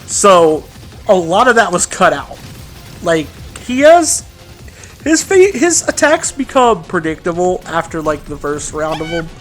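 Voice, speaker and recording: Guy rambling over a video game, kinda high voice, swears a lot, music and gunfire behind. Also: sing-song, unhurried. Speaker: gamer commentating a playthrough. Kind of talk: casual let's play commentary.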